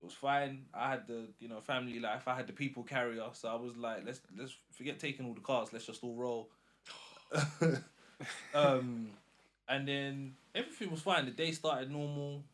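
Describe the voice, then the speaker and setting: A man with a London roadman accent, casually telling an animated story in slang and acting out the dialogue. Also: mid-range voice, normal speed. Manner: slangy, acts out quoted dialogue.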